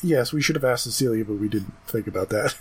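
A man co-hosting a podcast in casual chat, talking in a lively way and often restarting his words. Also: mid-range voice, quick pace, slightly rough. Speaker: podcast co-host.

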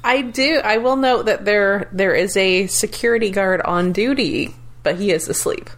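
A woman co-hosting a podcast, playful and quick to laugh while recapping a cartoon episode. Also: mid-range voice, rough recording. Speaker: podcast co-host.

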